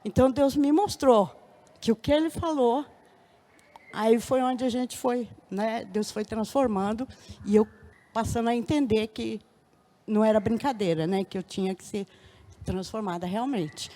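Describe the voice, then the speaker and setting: A woman with a high voice gives a testimony in church. She tells her story vividly and keeps repeating words. Her emphasis builds as she goes on. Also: moderate pace, dark tone. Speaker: church member giving testimony.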